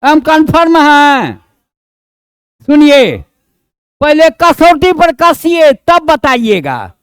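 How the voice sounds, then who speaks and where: A male grammar teacher with a Bihari Hindi accent teaches a class in a homely, colloquial way, scolding and coaxing while keeping students engaged through questions and checks. His voice is very high, very animated, slow, and fairly bright, with no echo.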